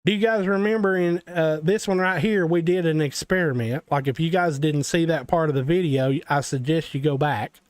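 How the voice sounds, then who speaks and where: A man's voice: on the high side, moderate pace, hardly any pauses, dry recording. A man with a Southern US accent hosting a casual game development tutorial stream, rambling and talking straight to his viewers with joking asides. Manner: rambling, talks to viewers, self-deprecating asides.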